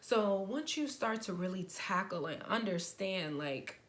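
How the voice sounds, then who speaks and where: Young woman vlogger, eager and rambling, trips over her words, mid-pitched voice. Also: a little slow. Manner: excited, rambling, stutters often. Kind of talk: casual advice talk to camera.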